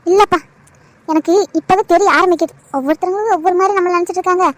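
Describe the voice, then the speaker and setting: A hurt, guilt-tripping aging mother from a homemade cartoon, as an actor voices her. She talks fast in a very high voice and lays on the hurt feelings. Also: fairly even intonation, dry recording. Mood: mournful. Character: aging mother, wounded and proud. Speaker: mother-in-law. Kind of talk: amateur cartoon voice acting.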